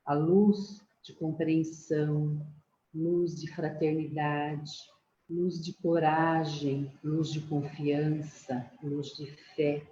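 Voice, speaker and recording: A woman leading a guided relaxation and prayer, giving slow, soothing breathing instructions. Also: low voice, mellow. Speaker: meditation guide. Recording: roomy, slightly dull audio with faint noise.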